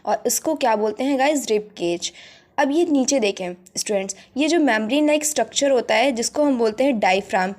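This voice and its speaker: A woman's voice: on the high side, animated, brisk, a little mellow. A young woman explaining a school biology lesson, addressing students directly and mixing English terms into her Hindi. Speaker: teacher.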